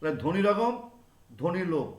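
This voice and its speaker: A man's voice: high voice, lively intonation, quick pace, a little mellow. A male teacher giving a classroom grammar lesson, repeating example words over and over to drill them in. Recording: echoey room.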